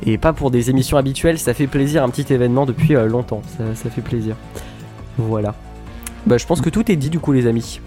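A man hosts a live radio show and talks quickly in a mid-range voice, teasing his co-hosts and filling pauses with little hesitations. He keeps it loose and chatty. Faint music plays behind him. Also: medium pitch, mellow. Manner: joking, teasing, lots of fillers. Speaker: web radio host. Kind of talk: casual live radio chat.

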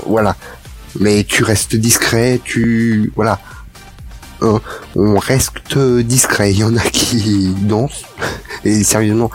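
A man's voice: lowish voice, a little mellow. Hesitant man hosting a radio chat. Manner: hesitant, many fillers and restarts. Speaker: radio show host.

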